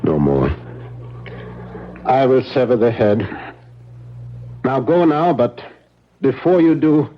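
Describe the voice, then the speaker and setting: A man's voice: medium pitch, big pitch swings, slow, pauses often. An actor playing an authoritative, fatherly professor and vampire hunter in a 1970s radio drama, commanding yet consoling. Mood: firm, consoling. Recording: muffled 1970s radio, faint hum.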